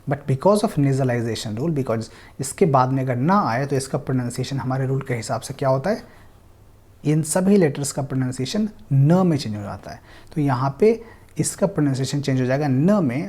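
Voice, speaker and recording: A language teacher giving a recorded online lesson, explaining step by step, repeating example words slowly and mixing in English phrases. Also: mid-range voice, darkish tone, breathy edge.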